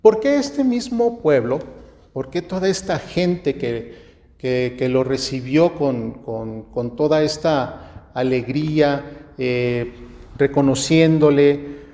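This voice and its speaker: A man with a Mexican accent preaching a sermon, speaking deliberately, asking rhetorical questions and often restarting his phrases. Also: mid-range voice, dark tone, long reverb tail. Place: church.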